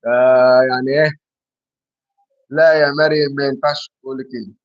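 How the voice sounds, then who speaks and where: A man's voice: mid-range voice, flat delivery, fairly quick, dull audio. A man with an Egyptian Arabic accent hosting a casual livestream, playfully teasing viewers as he reads their answers to a riddle. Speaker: livestream host. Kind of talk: casual livestream chat reading viewer comments.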